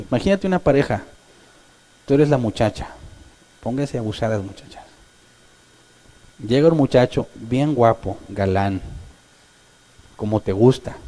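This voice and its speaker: A male pastor delivering a sermon, animated, acting out quoted voices of his congregation. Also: mid-range voice.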